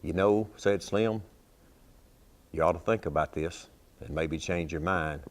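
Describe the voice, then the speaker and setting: A man in his sixties recites rhyming cowboy verse in a low-pitched voice. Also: measured pace. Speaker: cowboy poet. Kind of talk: storytelling poetry recitation.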